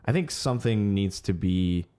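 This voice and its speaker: A man's voice: on the low side, lively intonation, normal speed, mellow. A man co-hosting a casual podcast, going through music news with lots of ums and unfinished sentences. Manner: hesitant, many ums, trails off searching for words. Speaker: podcast co-host reading the news.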